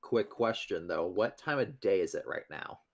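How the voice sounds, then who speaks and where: During a tabletop role-playing game, a man casually chats and narrates his character's moves. His low voice is expressive and moves at a normal speed.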